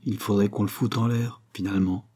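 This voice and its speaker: A man's voice: lowish voice, fairly even intonation, fairly quick, mellow, husky. A man voicing an agitated farm woman who talks coarsely and sounds exasperated, in an audiobook. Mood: matter-of-fact. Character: agitated countrywoman, farmer's niece.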